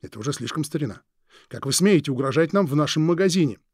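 A man's voice: a little high, expressive, fast talker, a little mellow, husky, no room sound, studio quality. A man doing a firm indignant husband. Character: firm middle-aged British shopkeeper husband, indignant.

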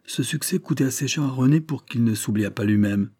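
A man narrating a historical novel in measured, even storytelling. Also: medium pitch, slightly rough. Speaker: audiobook narrator.

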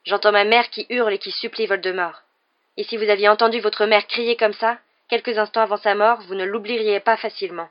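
A woman's voice: medium pitch, fairly even intonation, fairly quick, pitched above the performer's own voice, natural voice. A brooding, stubborn teenage boy, voiced by a woman speaks in a curt, determined voice. He sounds bitter and set on his course. The recording is dull and lo-fi.

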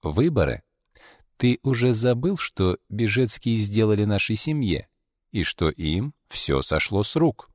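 A man voicing a cold, secretive woman fortune-teller who speaks quietly and slowly in an audiobook. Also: fairly low pitch, big pitch swings, no room sound, studio quality, pitched above the performer's own voice. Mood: cold, hushed. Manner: quiet, slow, ominous.

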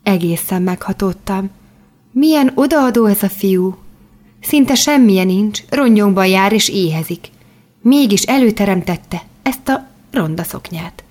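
A woman reading an audiobook in the first person, with calm, measured storytelling. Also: medium pitch. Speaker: audiobook narrator.

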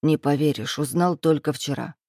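A woman reading an audiobook voices a curt, self-assured man in power, speaking low, clipped and matter-of-fact. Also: normal speed, darkish tone, no room sound, clean studio sound. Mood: dry, wry.

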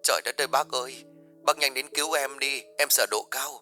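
A man voicing a frightened middle-aged man who whispers in a trembling, hushed voice for help. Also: medium pitch, steady tone, fairly quick, soft background music. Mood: terrified whisper.

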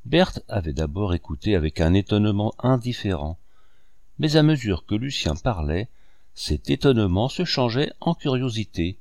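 A man reading a novel aloud as an audiobook, in an expressive storytelling manner. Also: fairly low pitch, dry recording, clean studio sound. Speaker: audiobook reader. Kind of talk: scripted narration of a novel.

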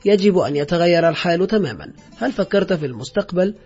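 A cool, preachy man of means, as read by a man, calm and dismissive. The voice is high and husky, and the recording sounds muffled. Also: quick pace, faint music behind, heavily acted. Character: successful middle-aged man, cool, impatient and preachy.

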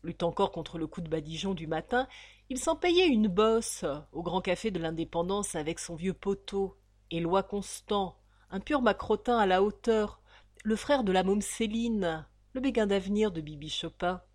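A woman reading a novel aloud as an audiobook narrator. Her reading is expressive and lively, moving easily through slang-heavy prose. Her voice sits at a middle pitch. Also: moderate pace, dry recording, clean studio sound. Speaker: audiobook reader.

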